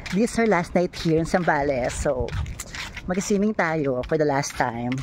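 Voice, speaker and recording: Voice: mid-range voice, animated, a little slow, slight background noise. A vlogger with a Filipino accent, chatting through a casual travel vlog, playful and exclaiming, often out of breath.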